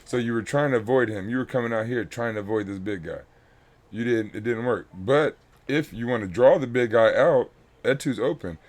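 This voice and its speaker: A man's voice: mid-range voice, fairly quick. A man coaching a youth basketball team, breaking down game film for his players in a blunt, instructive way and repeating key points.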